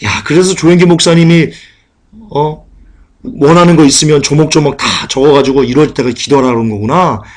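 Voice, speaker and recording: A man's voice: a little high, steady tone, brisk, lightly acted. A man voicing a gullible adult male churchgoer who gushes credulously over what he is told. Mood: gushing. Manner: gushing, credulous.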